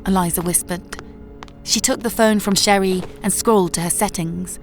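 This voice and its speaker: A woman narrating a horror story in a measured, low-key way. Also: fairly even intonation, soft background music.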